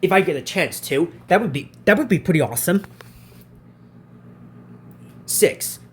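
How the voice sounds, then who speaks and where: Speaking high and expressively at an unhurried pace, a man in his twenties answers viewers' questions in a casual vlog, repeating himself and restarting phrases often. A little hiss or hum can be heard.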